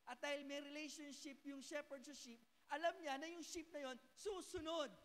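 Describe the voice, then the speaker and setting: A woman pastor with a Filipino accent preaching a sermon in church. She reads scripture slowly and keeps asking the congregation rhetorical questions. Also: high voice, steady tone.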